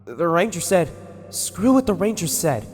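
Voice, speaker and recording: A man's voice: medium pitch, expressive, a little fast, a little mellow, breathy edge, voice pushed up. A man voicing a headstrong young woman who talks in a pushy, insistent way. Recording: long reverb with music behind.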